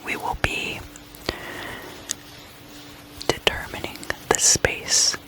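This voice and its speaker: Breathy and unvoiced, a whispering voice leads a guided meditation through slow, halting, widely spaced instructions. The tone comes across bright and forceful, and the recording is of poor quality.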